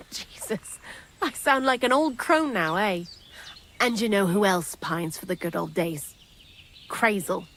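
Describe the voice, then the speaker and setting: Voicing the miller's accomplice in a video game, an actress plays a wry, talkative young thief in hiding. Her medium-pitched voice is a bit bright and slow, with long pauses and slight background noise behind it.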